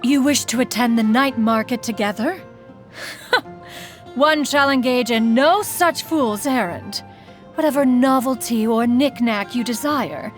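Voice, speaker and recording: A woman voicing a haughty, eccentric female immortal crane spirit and inventor in a video game, speaking formally and calling herself "one". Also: on the high side. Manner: formal, archaic speech, calls herself "one"; haughty yet teasing. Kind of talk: video game character voice lines.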